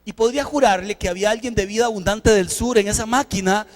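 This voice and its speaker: A male pastor, preaching a sermon and telling an animated story with acted-out dialogue. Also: high voice, fast, long reverb tail. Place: church sanctuary.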